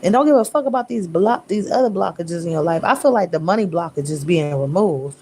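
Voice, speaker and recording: Cussing lady doing a tarot reading, low-ish voice, bit of hiss behind her. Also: fairly quick. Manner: profane, blunt, animated slang-heavy talk; mimics listeners in raised voice. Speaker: tarot reader.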